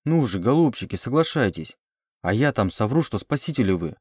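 A man voicing a sharp-tongued captive young woman. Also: mid-range voice, sing-song, fairly quick, husky, no echo, studio quality. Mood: pleading. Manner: pleading and sarcastic.

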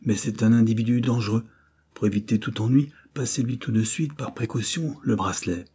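A man doing a calm, mocking detective. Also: medium pitch, a little fast, breathy edge. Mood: ironic. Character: calm, ironic male detective.

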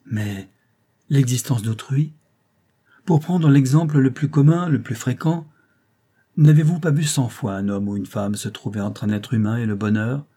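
A man doing a gentle young engineer, soft-spoken. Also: medium pitch, normal speed, slightly rough, close to an everyday voice. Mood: earnest. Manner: tender, hesitant, polite.

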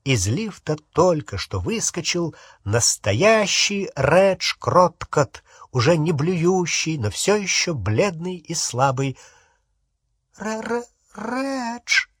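Slow husky man reading a novel aloud. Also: a little high, no echo, studio quality. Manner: unhurried expressive storytelling. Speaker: audiobook narrator. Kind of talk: audiobook reading.

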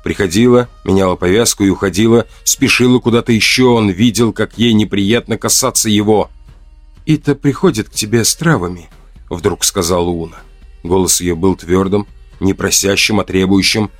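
A man narrating an audiobook in a measured, dramatic way. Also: deep voice, steady tone, no room sound, faint music behind.

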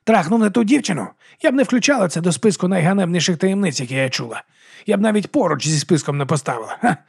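A man's voice: sits high, lively intonation, fast, creaky, breathy edge, pitched above the performer's own voice, exaggerated voice. A man voicing a crude, rambling wild woman warrior who swears bluntly. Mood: cheeky.

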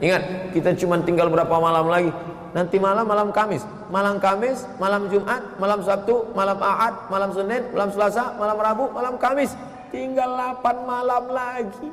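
A man giving a lively sermon, telling stories and breaking into chanted phrases. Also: high-pitched, a little fast. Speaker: preacher. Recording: echoey hall with faint ambience.

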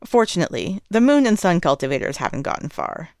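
Low-voiced woman narrating a story. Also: big pitch swings, fast, darkish tone, no echo, studio quality. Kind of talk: audiobook narration of fan fiction.

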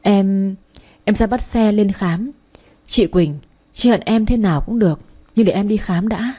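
A woman's voice: medium pitch, a little slow, warm tone, husky. A woman voicing a scheming young woman who whines and pleads. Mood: defiant. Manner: whining, pleading.

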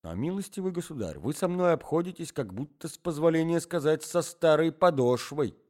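A man voicing an anxious middle-aged gentleman who pleads in fussy, formal phrases. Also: on the high side, expressive, brisk, pitched above the performer's own voice, close to an everyday voice. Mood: pleading.

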